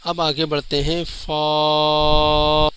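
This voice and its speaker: Bright-voiced man teaching letter sounds. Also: on the high side, slight background noise, low-quality recording. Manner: teaching slowly, drawing out each letter sound clearly; often addresses viewers directly. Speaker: Quran teacher. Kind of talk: step-by-step spoken lesson.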